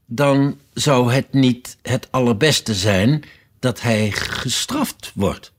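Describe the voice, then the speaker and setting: A man's voice: medium pitch, takes it slowly, pitched above the performer's own voice. A man reading a storybook aloud and voicing a polite, puzzled young girl who asks earnest, wondering questions.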